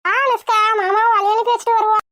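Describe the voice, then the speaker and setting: A woman's voice: extremely high pitch, flat delivery, fast, a bit bright. A woman voicing a scheming, jealous mother in a cartoon, spiteful and sneering.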